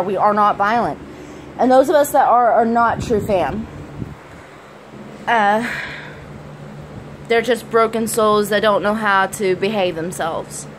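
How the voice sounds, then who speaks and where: A woman's voice: medium pitch, poor audio. A young American woman talking casually as a vlogger, with a preppy-sounding voice and a blunt, sweary manner. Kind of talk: casual personal vlog talk. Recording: faint background noise.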